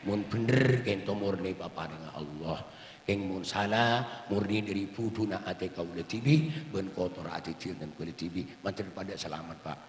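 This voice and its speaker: A male preacher giving a sermon, swinging from loud cries to soft low asides and often calling out to the listeners. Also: normal speed, slight background noise. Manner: often addresses audience as Pak. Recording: echoey hall with long reverb.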